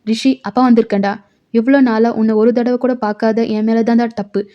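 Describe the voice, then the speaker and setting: A woman voicing a remorseful young father who pleads in a halting, tearful voice. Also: fairly high pitch, steady tone, close to an everyday voice. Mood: tearful pleading. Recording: dull lo-fi recording.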